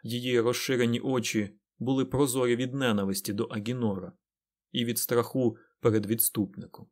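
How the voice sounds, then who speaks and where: A man narrating an audiobook in a measured way, drawing out phrases for effect. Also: mid-range voice, little pitch movement, a little mellow.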